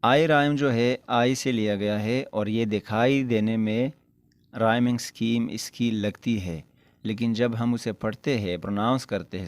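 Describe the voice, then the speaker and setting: This lecture comes from a man whose voice sits on the low side, recorded with no room sound. Teaching English, he explains things in stages in mixed Urdu-Hindi and English, rewording ideas and catching himself mid-word.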